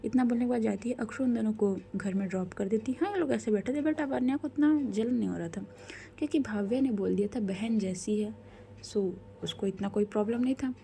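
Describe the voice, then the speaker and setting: A woman's voice: a little high, fairly quick, gravelly, warm tone, a little hiss or hum. A woman telling a love story in a chatty, casual way, correcting herself as she goes and mixing in English words.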